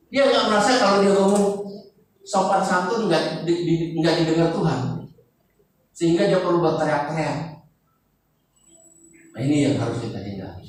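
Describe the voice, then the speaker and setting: Older male pastor, fairly high voice, chatty sermon style, roomy church sound with faint hiss. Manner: conversational preaching with rhetorical questions. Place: church service. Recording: echoey church hall, distant mic.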